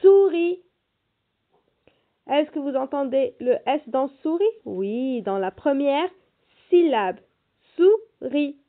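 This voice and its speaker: A woman teacher slowly and patiently walking young children through a reading and writing lesson, spelling out letters and sounds. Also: sits high. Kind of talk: primary school reading lesson. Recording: tinny phone-like audio.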